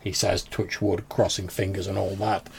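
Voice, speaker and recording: Answering listener voicemails on his podcast, this man keeps things informal and chatty, with plenty of "dude." His low voice carries vocal fry and stays fairly flat at a moderate pace, over a little hiss or hum.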